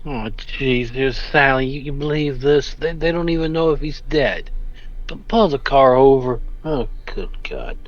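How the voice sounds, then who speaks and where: Agitated mobster, male, acted by a gamer, mid-pitched, stammering with alarm, muffled lo-fi recording. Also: animated, unhurried, close to an everyday voice. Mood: alarmed, exasperated. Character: exasperated, alarmed male gangster named Tony. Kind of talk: in-character tabletop role-play. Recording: dull lo-fi microphone.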